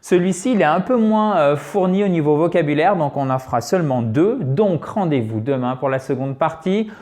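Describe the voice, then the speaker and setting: A man's voice: fairly high pitch, lively intonation. French-speaking man teaching English pronunciation. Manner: patient, explains step by step and repeats words slowly for pronunciation; addresses viewers directly and warmly as friends. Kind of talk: online language lesson.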